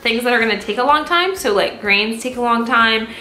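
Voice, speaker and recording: A woman's voice: on the high side, animated, fairly quick, sharp tone, echoey room. A woman in her twenties chatting casually and rambling through a cooking vlog in a small home kitchen, recorded on a close camera mic. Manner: chatty, rambling, self-mocking. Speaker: vlogger.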